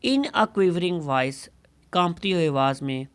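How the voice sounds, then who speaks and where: A man teaching English who reads a story aloud slowly, phrase by phrase, then explains each line more quickly and often corrects himself. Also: fairly high pitch, fairly bright tone, clear, resonant tone. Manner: addresses students as "son".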